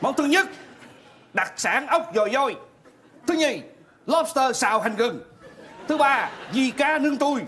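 A man's voice: extremely high pitch, expressive, a little slow, pauses often, a bit bright, some chatter behind, a little hiss or hum, heavily acted. A man playing an old village elder who announces a feast menu in a jokey, sing-song way. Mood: gleeful.

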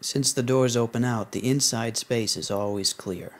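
A man reading a scripted promotional voice-over in an even, measured way. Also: mid-range voice. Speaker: narrator.

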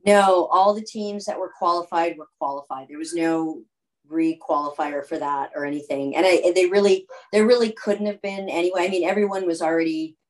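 On a rough recording, a woman with a low voice chats a little fast as a guest on a casual video interview from her home. She's an athlete from California, and her relaxed, meandering speech is full of fillers and restarts.

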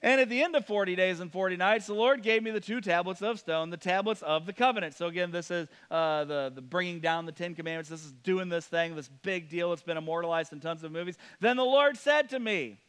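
A man in his thirties preaching, his voice sitting high and carrying with a smooth, resonant tone. He teases the congregation with joking asides as he reads and explains scripture. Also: brisk, hardly any pauses, fairly bright tone. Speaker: pastor. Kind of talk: sermon. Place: church.

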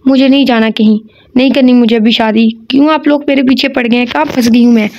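A woman's voice: on the high side, steady tone, quick pace, darkish tone, lo-fi sound, close to an everyday voice. A woman voicing a distraught young bride who pleads and protests through tears in an audio novel reading. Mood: tearful.

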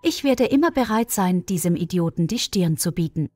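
Woman doing a fiery loyal girlfriend, blunt, encouraging, lively up-and-down voice, dry sound. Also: on the low side, moderate pace, no room sound, faint music behind. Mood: protective. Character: loyal young woman friend, fiery and protective. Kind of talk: storybook reading.

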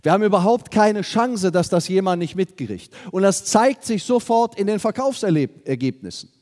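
A middle-aged man addresses a seminar audience as a sales trainer, his fairly high voice swinging up and down as he tells stories. He throws rhetorical questions at the room. A long hall reverb trails after his words. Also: moderate pace. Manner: lively storytelling, rhetorical questions. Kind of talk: seminar talk to a live audience.

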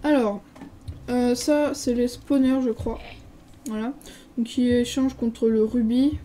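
A woman with a French accent walks through a game server, reading out signs and filling pauses with hesitant filler sounds. Her voice sits a little high but sounds very warm and mellow. A faint background noise runs under the casual home recording. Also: fairly even intonation, low-quality recording. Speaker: gaming video creator.

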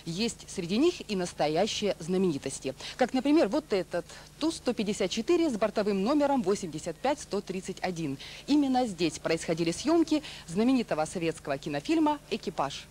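Expressive woman narrating a TV documentary. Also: mid-range voice, a little fast, a little hiss or hum. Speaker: TV presenter.

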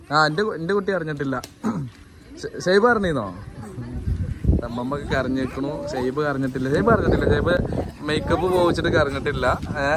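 A man's voice: a little high, fairly bright tone, slight background noise. A man giving casual running commentary for a family vlog, chatty and joking, speaking straight to his viewers. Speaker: family vlogger.

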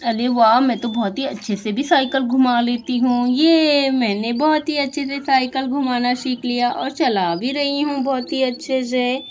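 A woman's voice: high-pitched, moderate pace, hardly any pauses, a little hiss or hum, natural voice. A woman voicing an eager little girl who chatters to herself in a doll story. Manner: chatty, excited, talking to herself.

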